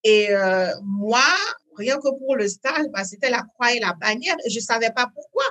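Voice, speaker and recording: A woman, talking as an interview guest in a hesitant way, with many fillers and repeats, then bursts of lively emphasis. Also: on the high side, moderate pace. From Benin. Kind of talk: conversational interview.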